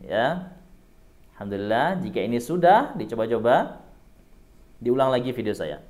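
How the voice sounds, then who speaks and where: A man's voice: medium pitch, lively intonation, moderate pace, darkish tone. A man teaching Quran recitation, patiently explaining how to pronounce each sound step by step. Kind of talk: tajwid lesson.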